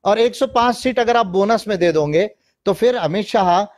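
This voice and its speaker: A man's voice: high voice, moderate pace. A man giving an explanatory talk, switching between Hindi and English phrases and reading long lists aloud. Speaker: speaker on electoral reform. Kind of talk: lecture-style talk.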